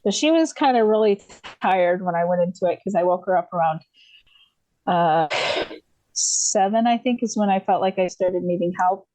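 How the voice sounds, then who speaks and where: A woman's voice: lowish voice, lively intonation, normal speed, mellow, dry recording, rough recording. A woman from the USA, a podcast guest, telling her story casually, with many fillers, restarts and light laughs.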